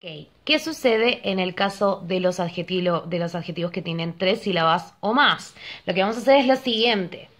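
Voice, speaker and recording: A woman's voice: lowish voice, lively intonation, fairly bright tone. Patient bilingual woman teaching grammar. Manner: patient, explains slowly, often checks with "ok?". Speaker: English teacher.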